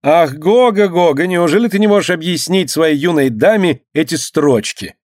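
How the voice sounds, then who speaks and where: A man's voice: on the high side, animated, normal speed, darkish tone, dry recording, clean studio sound, pitched above the performer's own voice, lightly acted. A man voicing an affected society lady who speaks in gushing, theatrical exclamations. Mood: playful.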